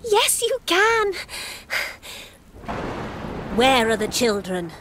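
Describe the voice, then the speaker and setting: A woman voicing a kind, helpful grown-up in a children's cartoon, speaking slowly and clearly. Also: high-pitched, huge pitch swings, noisy background, heavily acted. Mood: cheery. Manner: slow clear storybook delivery.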